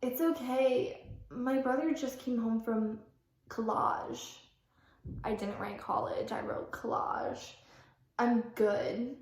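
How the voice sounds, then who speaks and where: A woman's voice: on the high side, fairly even intonation, measured pace, darkish tone. A young woman reading her old fan fiction aloud in a casual vlog. She breaks off with self-mocking asides, corrects her own reading and fills her talk with "like". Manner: chatty, fills speech with "like". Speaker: vlogger. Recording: roomy echo.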